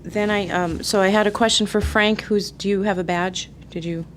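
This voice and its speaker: A woman's voice: mid-range voice, fairly even intonation, normal speed. A woman chairing a public agency meeting, talking informally through procedural business. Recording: clear background noise, meeting room.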